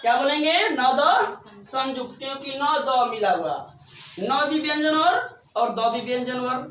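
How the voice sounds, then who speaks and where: Male teacher, high voice, echoey room from far off, drills by asking and answering. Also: a bit bright, a little hiss or hum. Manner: repetitive, drills with quick self-answered questions. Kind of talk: classroom lesson at a board.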